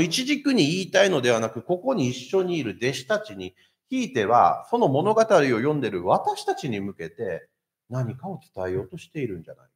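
A man preaching a sermon as pastor, asking the congregation rhetorical questions. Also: medium pitch. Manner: lively, asks the listeners rhetorical questions.

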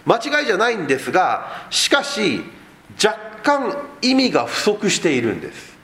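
A male pastor preaches with a high voice that swings up and down. He keeps asking his listeners rhetorical questions as he explains the passage. The sound is echoey, as in a reverberant room. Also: huge pitch swings, moderate pace, fairly bright tone. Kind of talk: sermon.

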